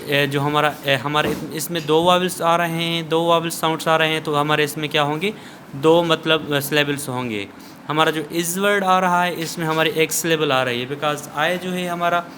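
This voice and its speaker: A man gives an online lesson, patient and explanatory, reading lines slowly. His voice sits a little high and sounds bright and forceful. A faint noise hums behind him. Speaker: teacher. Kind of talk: online lecture.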